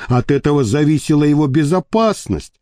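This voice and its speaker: A man's voice: fairly high pitch, expressive, a little fast, dark tone, no room sound, studio quality, lightly acted. A man reading an audiobook, voicing a nervous journalist who mumbles excuses. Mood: guilty. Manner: mumbling, apologetic. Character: guilty, nervous male journalist.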